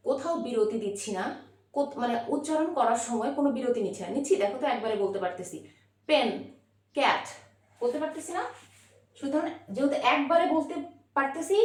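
A woman teaching a grammar lesson, asking questions and stretching out example words. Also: high voice. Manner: lively, questioning, drawn-out word demonstrations. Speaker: English teacher. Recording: echoey room, voice from a distance.

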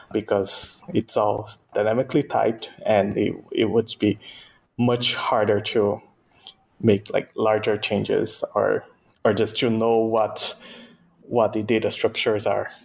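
Here a Brazilian man whose native language is Portuguese answers interview questions as a guest engineer, speaking conversationally with halting phrasing and repeated words. His voice is lowish, creaky, and a little mellow, and the audio quality is poor.

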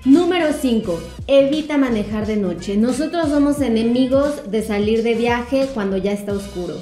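Upbeat young woman, mellow voice. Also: a little high, lively intonation, normal speed, reverberant, faint music behind. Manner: upbeat, announces numbered tips. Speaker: travel vlogger. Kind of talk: casual advice to camera. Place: living room, indoors.

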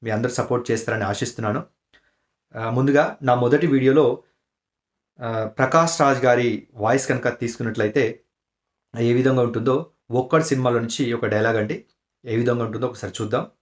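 Male vlog host, polite, relaxed, casual intro, hesitation fillers, mid-pitched. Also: a little fast, long pauses.

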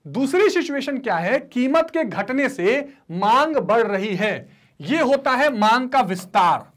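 Male teacher with a lively, swooping delivery. He works in call-and-response, has students repeat key terms, and answers for them himself. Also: extremely high pitch, measured pace. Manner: voices students' replies to himself; mixes English terms into his explanation. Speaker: economics teacher. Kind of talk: online classroom lecture.

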